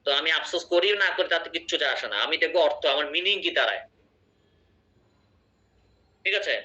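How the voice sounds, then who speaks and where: Sharp-voiced teacher checking in. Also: male voice, fairly high pitch, animated, fast, muffled recording. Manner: explains patiently, often checks in with the class. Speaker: English teacher. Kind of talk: online class lecture.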